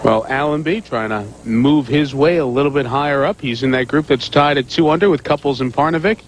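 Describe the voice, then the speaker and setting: A man's voice: medium pitch, brisk, slight background noise. A man anchoring televised golf commentary, reading out scores and standings. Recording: music behind broadcast commentary.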